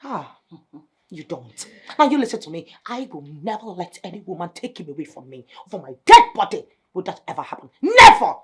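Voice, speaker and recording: A woman's voice: lowish voice, wildly swooping pitch, moderate pace. An actress playing a possessive, scornful estranged wife who mocks and snaps at her friend. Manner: mocking, sharp-tongued, rising to shouts.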